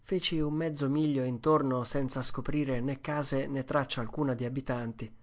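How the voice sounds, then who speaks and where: Speaking at normal speed with a medium pitch, this narrator offers a steady, expressive first-person audiobook reading of a classic adventure story.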